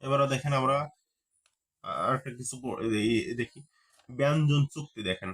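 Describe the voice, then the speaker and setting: A man's voice: medium pitch, normal speed, fairly bright tone. A man teaching a grammar lesson. He repeats key terms and keeps asking the class rhetorical questions.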